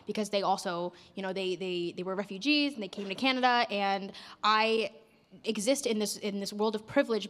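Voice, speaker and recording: Woman searching for words, reverberant. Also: mid-range voice. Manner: searching for words, many restarts. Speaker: book club participant. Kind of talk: casual personal sharing.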